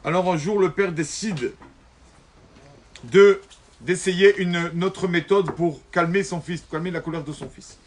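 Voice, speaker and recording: A man giving a sermon as a rabbi, mixing in Hebrew terms and repeating phrases for emphasis, moving between loud stresses and soft asides. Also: sits high, unhurried, slight background noise. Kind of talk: sermon told as a story.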